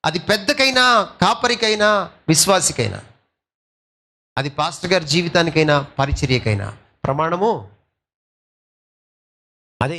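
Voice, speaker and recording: A male pastor preaching a sermon, asking rhetorical questions, slipping English phrases into his talk, and swinging between loud and soft delivery. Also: on the high side.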